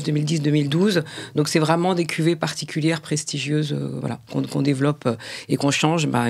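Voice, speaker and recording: A woman's voice: deep voice, creaky. A woman who makes champagne, explaining her craft in an interview, often restarting her sentences. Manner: halting, frequent restarts. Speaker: champagne producer.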